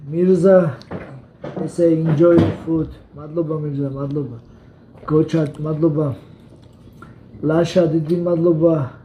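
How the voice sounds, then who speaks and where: A man with a Georgian accent and Georgian as his first language, chatting casually on a livestream in halting English full of fillers and now and then in Georgian. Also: fairly high pitch, steady tone, roomy sound, background noise. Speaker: guest fighter reading chat.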